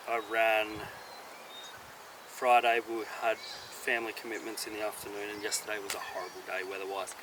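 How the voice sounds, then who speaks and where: Man vlogging while running, noisy outdoors. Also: medium pitch. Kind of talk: casual vlog talk. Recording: distant mic, loud outdoor noise.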